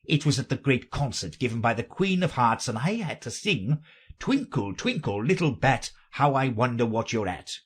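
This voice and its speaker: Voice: medium pitch, very animated, moderate pace, slightly rough, voice pushed up. A reader voicing an eccentric, mournful and argumentative storybook man who explains himself in a theatrical, insistent manner.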